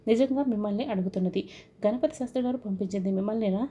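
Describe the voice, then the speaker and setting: A woman's voice: mid-range voice, racing, warm tone, breathy edge, muffled recording, lightly acted. A woman voicing a determined young woman who presses questions, read plainly. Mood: demanding.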